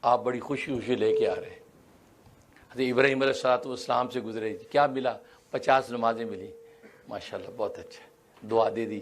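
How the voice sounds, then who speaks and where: A man preaching a Friday sermon in an animated storytelling manner, mixing English words into his telling. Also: mid-range voice, slight background noise. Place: mosque.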